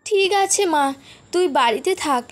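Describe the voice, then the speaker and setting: A woman's voice: animated, moderate pace. A woman voicing a worried village mother in a cartoon, speaking anxiously. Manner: anxious, high. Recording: background music.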